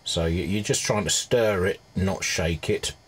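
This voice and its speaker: A man with a deep, slightly slow voice works at a cluttered indoor electronics bench, thinking aloud as he gives an informal, hands-on demonstration. He's a restorer presenting a hobby repair video, and his commentary stays casual throughout. Background noise and workshop ambience are clearly audible.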